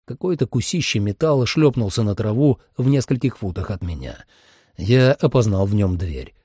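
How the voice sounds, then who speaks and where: A man's voice: fairly low pitch, expressive, moderate pace, mellow, husky, dry recording, clean studio sound. A man narrating a first-person action audiobook, reading with dramatic expression.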